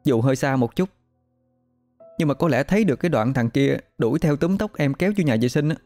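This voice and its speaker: A man's voice: medium pitch, expressive, fairly quick, dark tone, soft background music, voice pushed up, lightly acted. A man voicing a shaken but determined young female student, speaking in a choked, tearful yet resolute way.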